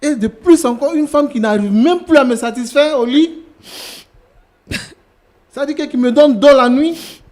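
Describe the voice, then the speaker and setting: A man's voice: extremely high pitch, measured pace, long pauses, a little mellow. An actor playing a fed-up husband who wants to leave his wife, talking in an exasperated, insistent way. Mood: indignant. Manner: exasperated, insistent, repeats himself. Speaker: husband in a staged couple-counseling show.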